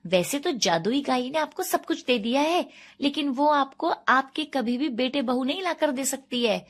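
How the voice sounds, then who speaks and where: A woman voicing a sharp-tongued village mother who scolds loudly in a cartoon story. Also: expressive, normal speed. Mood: angry scolding. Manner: shrill, scolding.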